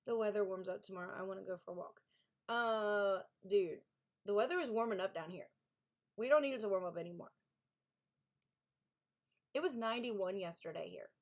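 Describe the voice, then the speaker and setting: A woman from Kentucky with a Southern accent, chatting casually with viewers on a live stream about her books. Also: mid-range voice. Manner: chatty, thanks viewers, reads chat aloud. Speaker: author streaming writing sprints.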